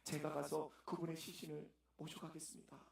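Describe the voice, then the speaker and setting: A man's voice: on the high side, monotone, brisk, creaky. A man voicing a grieving young woman who pleads as she searches for a lost body, in an echoey hall from a distance. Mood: pleading.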